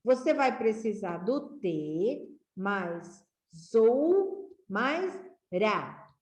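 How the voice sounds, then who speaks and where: A woman teacher sounding out syllables for young children in a slow, patient, encouraging way. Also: medium pitch, very animated, a little mellow. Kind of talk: children's literacy lesson. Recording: echoey room.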